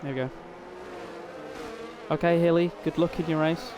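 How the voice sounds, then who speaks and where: A man's voice: fairly high pitch, steady tone, normal speed, background noise. Tired laid-back man commentating. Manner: laid-back, chatty, addresses viewers and drivers directly. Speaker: race commentator. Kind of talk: live sim racing commentary.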